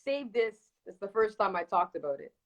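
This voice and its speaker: Very animated and fairly quick, this woman's mid-range voice comes through dull audio on a livestream video call. She's a reggae dancehall singer from Toronto with early years in Jamaica, chatting casually and emphatically as an interview guest and repeating words for emphasis.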